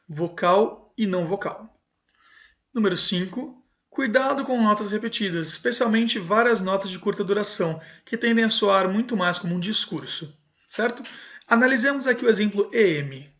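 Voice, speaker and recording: High-voiced man teaching from a book. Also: a bit bright, highs cut off. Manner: keeps adding a questioning "certo?" tag, corrects himself aloud. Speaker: music teacher. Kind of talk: reading and explaining a book in a video lesson.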